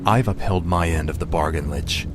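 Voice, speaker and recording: An actor playing a cruel fallen prince, menacing and imperious, as a villain in a video game. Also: male voice, deep voice, normal speed, music in the background, lightly acted. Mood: questioning, wary. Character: cruel fallen prince, cold undead champion of darkness.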